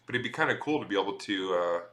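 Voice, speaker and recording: A man's voice: sits low, animated, fast, pushed and bright. A middle-aged man chatting casually on a live stream, reading viewer messages aloud and swearing freely.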